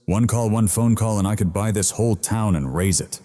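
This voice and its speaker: A male narrator voicing a spoiled, arrogant young rich man who bullies people, in a shrill, sneering, entitled way. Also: very animated, normal speed, mellow. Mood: shrieking. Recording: long reverb.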